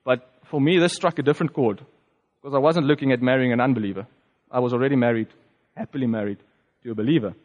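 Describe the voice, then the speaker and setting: Speaking in a medium pitch, this South African man, whose first language is Afrikaans, shares a reflective testimony as a preacher. His talk is conversational and halting, full of fillers. The lo-fi sound has a long reverb tail.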